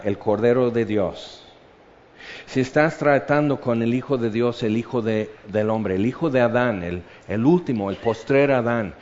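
A man preaching a sermon with passion, moving from loud emphatic lines to hushed intensity, full of repetition and rhetorical questions. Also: mid-range voice. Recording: dull lo-fi sermon recording.

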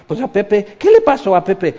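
A man preaching a sermon, animated, swinging between loud bursts and hushed, intimate passages. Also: high voice, measured pace. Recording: dull lo-fi sound.

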